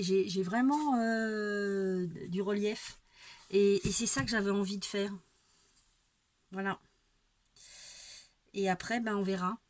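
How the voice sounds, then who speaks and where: A woman with a mid-range, a bit bright voice and no echo shows her painting technique at home as an amateur. Stuffy-nosed from a cold, she rambles hesitantly, repeating words and adding wry asides, over clear background noise and a dog that barks now and then.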